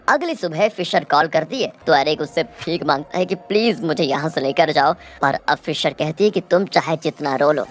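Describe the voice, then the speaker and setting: A woman with a low voice retells a movie's plot in a dramatic storytelling manner. She talks to viewers directly, as if to friends. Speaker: movie recap narrator.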